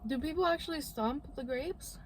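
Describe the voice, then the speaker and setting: This young podcast co-host speaks in a high voice at a moderate pace, rambling casually and leaning heavily on fillers as she tells her stories. The audio carries a little hiss or hum.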